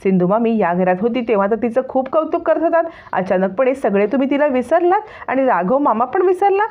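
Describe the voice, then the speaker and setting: A defiant, sharp-tongued teenage girl, put on by a woman retelling a story speaks in a high, pointed voice. She fires off questions in quick bursts. The sound is thin and phone-like. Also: lively intonation, lightly acted. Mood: indignant.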